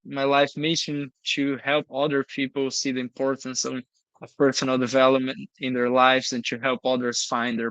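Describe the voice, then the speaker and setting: Young man, smooth voice. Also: mid-range voice, a bit bright, dry recording, rough recording. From Brazil. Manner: earnest, frequent "you know". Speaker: guest. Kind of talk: casual interview talk.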